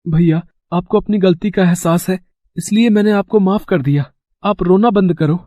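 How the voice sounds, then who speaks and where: Kind honest young cartoon hero voiced by a man, high, mellow, dry. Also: normal speed, dry recording, lightly acted. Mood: forgiving. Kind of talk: Hindi cartoon story dub.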